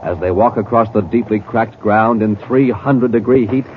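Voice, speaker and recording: An American man with a fairly low voice and moderate pace announces and narrates a 1950s radio show. His delivery is dramatic and emphatic, like a showman, and the recording sounds muffled and noisy.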